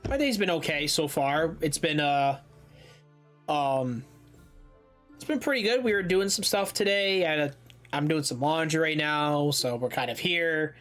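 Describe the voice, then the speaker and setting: A man's voice: on the high side, a little slow, a bit bright, faint music behind. A man streaming, chatting casually and profanely with his viewers while he reads a story.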